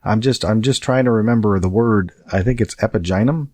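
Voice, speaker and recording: A man's voice: lowish voice, fairly quick, darkish tone. A man co-hosting a podcast in casual chat, thinking aloud and asking questions.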